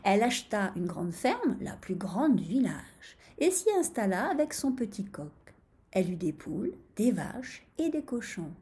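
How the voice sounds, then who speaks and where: A woman reading a fairy tale aloud in an expressive, lively way. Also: mid-range voice, normal speed. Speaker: storyteller. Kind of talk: storybook reading.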